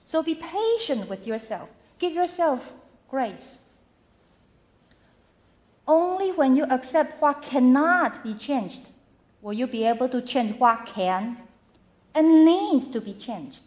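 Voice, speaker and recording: A high-pitched woman delivers a motivational keynote at a slow, deliberate pace. She breaks her lines into short, emphatic chunks with pauses between them. She speaks at an arts center venue. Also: expressive, darkish tone. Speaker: mental health keynote speaker. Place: arts center venue before a live audience.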